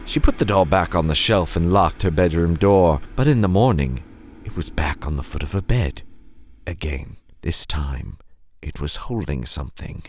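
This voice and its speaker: A man with a low, expressive voice hosts and narrates a horror story, theatrical and suspenseful, dropping playful asides and dramatic pauses. The recording has no echo.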